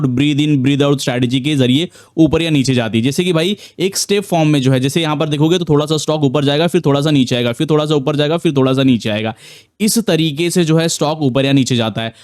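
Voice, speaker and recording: A man's voice: fairly high pitch, a little mellow, no echo, clean studio sound. A man giving a casual, repetitive screen-share trading tutorial, full of fillers and restarts. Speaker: trading educator.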